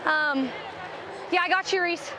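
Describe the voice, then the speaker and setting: A young woman softball player, mic'd up in the field during a live game, talking brightly and a little out of breath. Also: very high-pitched, unhurried, crowd noise. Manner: bubbly, upbeat, cheers teammates mid-play. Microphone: wireless body mic. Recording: noisy outdoor ballpark mic.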